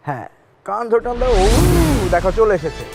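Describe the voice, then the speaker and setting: A man's voice: sits high, very animated, brisk. A man hosting a children's magic show, telling stories and prompting the kids with short questions. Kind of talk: interactive children's stage patter with storytelling. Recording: music playing behind the voice.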